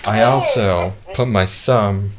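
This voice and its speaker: A man with a fairly low voice demonstrates a product in a casual review. He speaks haltingly, circling back to repeat and restart his sentences. The home-video recording has clear background noise. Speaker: toy reviewer.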